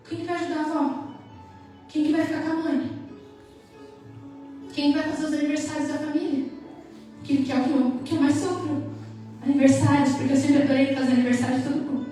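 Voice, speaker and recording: High-voiced Brazilian woman preaching in an echoey hall. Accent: Brazilian Portuguese. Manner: animated, acts out dialogue, sing-song preaching lilt. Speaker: church member giving testimony. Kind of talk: emotional sermon testimony. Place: church hall. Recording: echoey hall from far off, music behind.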